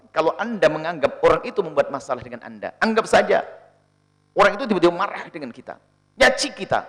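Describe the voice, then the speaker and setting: A male preacher answering questions in a sermon, animated and often acting out the people he quotes. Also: fairly high pitch. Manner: animated, acts out quoted speakers.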